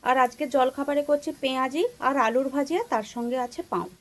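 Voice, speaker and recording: A woman's voice: high voice, quick pace. A young woman narrating a daily-life vlog, chatting directly to her viewers as she goes about her day. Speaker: vlogger. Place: home, market and railway stations. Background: street and vehicle noise.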